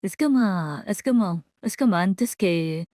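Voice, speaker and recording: A VTuber streamer with a Latin American Spanish accent reacts to a video while chatting with viewers on a live stream, giggly, slangy and casual. Her medium-pitched voice has lively intonation, a slow pace and a dark tone. The sound is clean and studio-like, with no echo.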